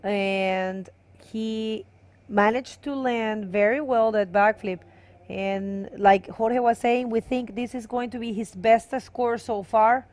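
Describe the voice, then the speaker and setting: A Venezuelan woman gives bilingual live commentary on a bodyboarding contest, switching between English and Spanish. Her Venezuelan Spanish accent carries a Canarian tinge. Her voice sits on the high side with a darkish, steady tone, and she takes her time.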